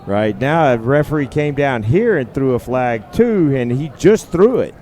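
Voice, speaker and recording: Relaxed guy doing color commentary at a football game, explains stuff easy and folksy. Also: medium pitch, moderate pace. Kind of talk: live football analysis.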